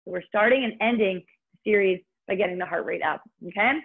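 A woman's voice: mid-range voice, quick pace, vocal fry, breathy edge. A woman leading an online workout as an aerobics instructor, giving short, encouraging cues and countdowns in an upbeat way. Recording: muffled, band-limited online stream audio.

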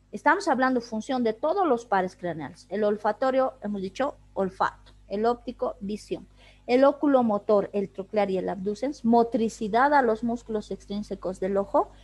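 A woman teaching anatomy in an online class, explaining step by step and asking rhetorical questions she answers herself. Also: medium pitch. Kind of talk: online lecture. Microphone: video call.

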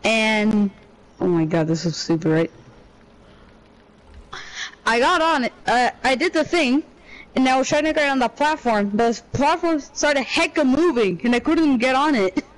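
A man's voice: very high voice, lively intonation, unhurried, fairly bright tone, rough recording. A young man co-hosting a casual podcast, telling a rambling, slangy story full of profanity. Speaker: podcast co-host. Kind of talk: casual chat.

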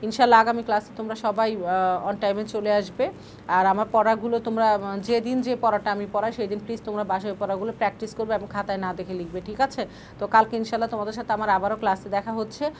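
A woman's voice: medium pitch, steady tone, very fast, slight background noise. A woman teaching an online grammar class, asking questions and answering them herself, patient and repeating key points.

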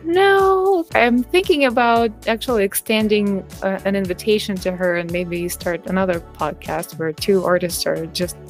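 Brief: female podcast co-host, Eastern European accent, mid pitch, friendly and conversational. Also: normal speed, hardly any pauses, soft background music.

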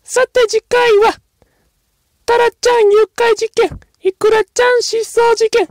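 A small, polite cartoon boy voiced by a woman announces what comes next in a cheerful, childlike way. The voice sits extremely high with a slight gravelly grain. It is a playful spoof of a cartoon preview. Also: little pitch movement, takes it slowly, no room sound, heavily acted. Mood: chirpy. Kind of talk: parody next-episode preview.

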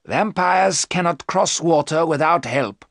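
A man voicing a grave, learned older professor and vampire hunter, speaking emphatically and deliberately in an audiobook story. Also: on the high side, a bit bright, dry recording, clean studio sound, pitched above the performer's own voice. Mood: explaining.

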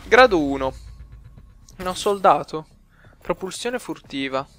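A young man giving excitable live gameplay commentary, swearing and talking to his viewers. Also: sits high, slow, faint music behind. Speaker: gaming youtuber.

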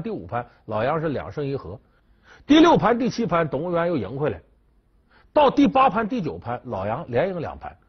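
Husky man telling lively stories. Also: mid-range voice. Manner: lively storyteller, acts out quoted speech. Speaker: chess history commentator. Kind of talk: storytelling commentary. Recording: dull lo-fi recording.

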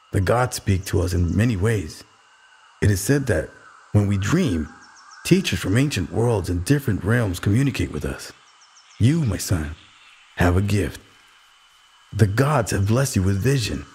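A man voicing a wise, calm old uncle who gives fatherly advice in a slow, measured way. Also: fairly low pitch, husky, heavily acted.

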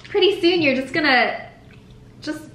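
An American young woman co-hosts a food vlog, chatting casually at a table in a bright indoor dining room. Her high, fairly bright voice breaks into frequent laughter as she says short phrases slowly and carefully for her partner to repeat. The room is echoey, with a faint background hiss.

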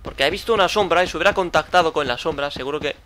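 Brief: man, let's-play commentator, chatty and rambling, bright, slightly high voice. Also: rapid-fire, a little hiss or hum. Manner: chatty, addresses viewers, rambling restarts. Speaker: gameplay commentator.

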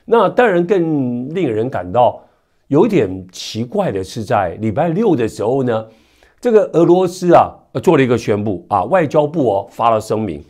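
A man in his fifties with a stuffy nose and slight hoarseness from a cold, hosting conversational news commentary to camera on a lapel mic. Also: mid-range voice, very animated, moderate pace, darkish tone. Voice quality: stuffy, strongly nasal from a cold. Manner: conversational, with frequent sentence-final particles and rhetorical tags. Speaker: news commentary show host. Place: indoor studio with virtual backdrop.

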